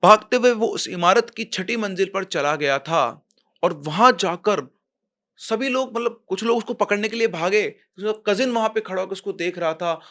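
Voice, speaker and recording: A man narrating a horror story in a tense, suspenseful way, dropping quiet at the scary parts. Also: high-pitched. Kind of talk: dramatic storytelling.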